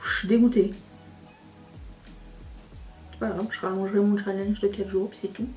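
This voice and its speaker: A woman's voice: medium pitch, level tone, moderate pace, darkish tone, distant mic. Québécoise woman, makeup vlog chatter, wry asides, faint music bed. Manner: chatty, self-mocking, rambling asides. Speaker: beauty youtuber. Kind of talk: casual get-ready-with-me chat.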